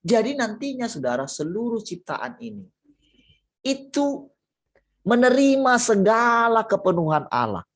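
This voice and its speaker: Lively storytelling pastor on a video call. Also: medium pitch, a little slow, pauses often. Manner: lively, storytelling, addresses listeners as saudara. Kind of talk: sermon.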